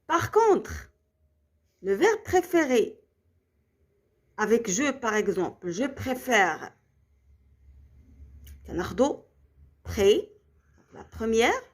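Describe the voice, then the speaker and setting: A woman teacher with a Moroccan accent gives a French grammar lesson to children. Her voice sits high and swings widely as she spells things out slowly. She keeps stopping to check that her pupils follow. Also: very animated. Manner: slow, carefully spelled-out explanations with frequent comprehension checks.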